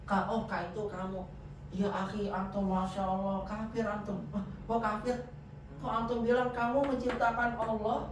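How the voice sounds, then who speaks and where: A man with a high-pitched, flat voice teaches Arabic grammar at a moderate pace, quizzing his students with frequent questions during a classroom lesson. The room echoes, the mic is distant and dull, and there's background noise.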